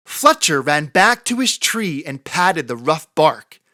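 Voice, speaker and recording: A woman narrating a children's picture book in an expressive read-aloud style with dramatic emphasis. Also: deep voice, slow pace, no room sound, studio quality. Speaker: children's story reader.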